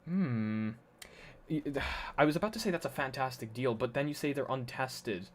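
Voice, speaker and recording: A man chatting on a casual live stream, thinking aloud as he explains what he is doing, in an easygoing way. His voice sits at an ordinary middle pitch and sounds a little worn from talking. A faint hiss of noise stays under it. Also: expressive, moderate pace.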